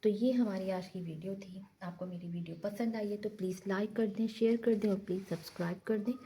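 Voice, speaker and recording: Woman teacher, mellow voice. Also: medium pitch, steady tone, brisk. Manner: explains step by step, repeating key points. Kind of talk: casual lesson walkthrough.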